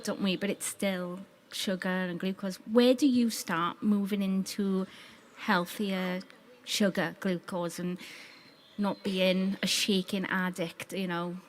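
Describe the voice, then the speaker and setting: A woman's voice: mid-range voice, slight background noise. Welsh woman asking from the audience. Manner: rambling, self-deprecating, candid. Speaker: audience member asking a question. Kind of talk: live panel Q&A question. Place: outdoor festival audience.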